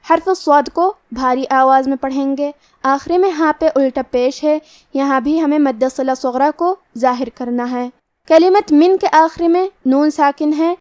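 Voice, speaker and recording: A woman with a Pakistani Urdu accent teaching Quran recitation rules methodically, then reciting each word slowly. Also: high voice, a little mellow. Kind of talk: tajweed lesson with slow recitation.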